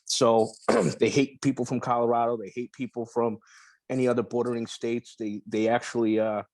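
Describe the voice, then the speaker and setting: A man as a podcast guest, telling stories in a relaxed, rambling way with lots of swearing and restarts. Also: medium pitch, moderate pace, dry recording. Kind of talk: casual interview storytelling.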